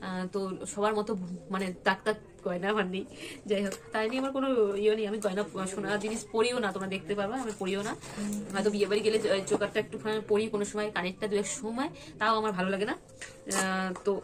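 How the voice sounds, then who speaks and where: A young woman from West Bengal chatting casually at home in a vlog, rambling with many fillers and restarts. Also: medium pitch. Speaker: vlogger.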